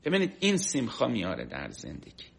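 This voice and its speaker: A man teaching a religious lesson through a story, telling it lively and acting out the voices of the people in it. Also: mid-range voice, vocal fry, slightly rough. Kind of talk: storytelling sermon. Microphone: online class stream.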